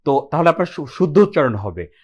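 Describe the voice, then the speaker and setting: A man's voice: fairly high pitch, big pitch swings, fast talker, darkish tone, husky, lo-fi sound. A young man teaching an English grammar class live online, asking the students questions and answering them himself, with English words mixed into his speech.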